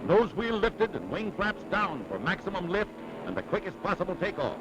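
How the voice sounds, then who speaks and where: Male 1940s newsreel announcer, high animated voice, dramatic punch, heavy music bed. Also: normal speed, low-quality recording. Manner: emphatic, dramatic announcer delivery. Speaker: newsreel narrator.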